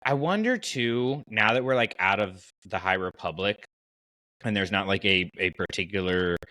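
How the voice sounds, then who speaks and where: On a podcast about fiction, a male host chats casually and animatedly at a normal pace, his voice slightly low and bright. He's opinionated, working through his thoughts aloud. The rough recording is dry, with almost no room sound and no echo.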